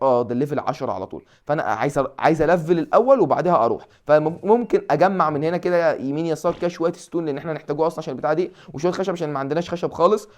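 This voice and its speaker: A man's voice: on the high side, darkish tone. A young Egyptian man with an Egyptian Arabic accent, chatting casually and thinking aloud as he plays a mobile game, self-mocking and full of fillers. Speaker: gaming channel host.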